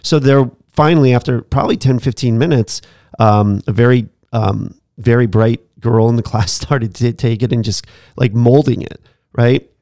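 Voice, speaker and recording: A man hosting a podcast, telling a story about his teaching days in a casual, animated way with frequent laughs and restarts. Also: medium pitch, normal speed, no echo, clean studio sound. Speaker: podcast host, former teacher.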